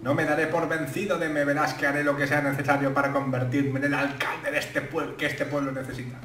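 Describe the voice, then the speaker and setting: A man's voice: on the high side, little pitch movement, brisk, a bit bright, a little hiss or hum, natural voice. A man with a Spain Spanish accent voicing a bearded village man eager to become mayor, read out from game dialogue. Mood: pleading. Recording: echoey room, distant mic.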